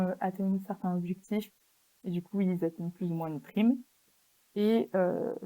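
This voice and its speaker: A woman's voice: medium pitch, dark tone, low-quality recording. A young woman with a French accent going over exam answers as a student tutor, hesitant, with many fillers and restarts. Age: young adult. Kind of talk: exam correction walkthrough.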